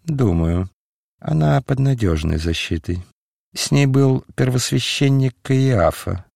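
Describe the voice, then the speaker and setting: Cryptic, unflappable stranger for an audiobook, calm and mocking, read by a man. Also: medium pitch, slow pace, creaky, no room sound, clean studio sound, pitched above the performer's own voice, heavily acted. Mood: cryptic, wry. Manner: calm, dispassionate, faintly mocking.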